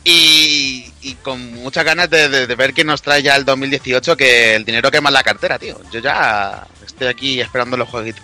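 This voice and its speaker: A man's voice: mid-range voice, fairly quick, hardly any pauses, pushed and bright. A man with an accent from Spain chatting casually as a podcast panelist. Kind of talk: casual chat.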